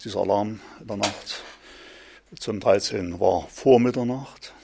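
A man in his fifties recounts events in a halting way, with pauses between phrases. His voice sits fairly low and has a gravelly, husky grain. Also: warm tone. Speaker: interviewee, former police reservist. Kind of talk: recorded testimony.

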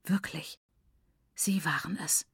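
A woman's voice: mid-range voice, moderate pace, a little mellow, no room sound, clean studio sound, natural voice. Woman voicing a frantic starving teenage girl. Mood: bitter whisper. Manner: whispers, hisses, then screams in fury. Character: desperate starving teenage girl, bitter and raging.

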